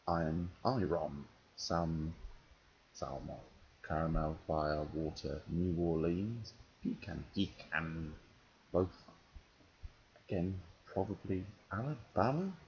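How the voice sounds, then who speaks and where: A man from northern England with a London-softened English accent and slight northern touches, answering a casual questionnaire in a hesitant, dry, deadpan way. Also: rumbling low, takes it slowly. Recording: dull, noisy home recording.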